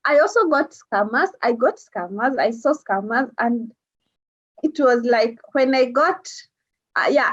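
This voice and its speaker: A woman from Kenya with a Kenyan accent, a guest talking casually in an interview, hesitant with many fillers and easy laughs. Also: fairly high pitch. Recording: dull lo-fi sound.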